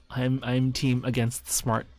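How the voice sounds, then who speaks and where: A man's voice: mid-range voice, flat delivery, slow. A man streaming as a dungeon master, chatting casually and rambling with frequent laughs and self-mocking asides. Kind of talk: casual stream chat reviewing memes. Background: faint background music.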